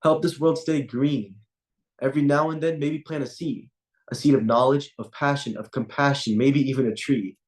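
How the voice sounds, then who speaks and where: Reading a spoken-word poem in a measured, rhythmic style over video call, this young Punjabi-first-language student poet later moves into relaxed conversation. His medium-pitched voice stays fairly even in intonation and carries a slight mellowness.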